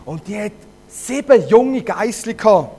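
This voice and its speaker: A man with a Zurich Swiss German accent casually retelling a fairy tale, lively, with hesitations. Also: high-pitched, measured pace, breathy edge. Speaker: storyteller.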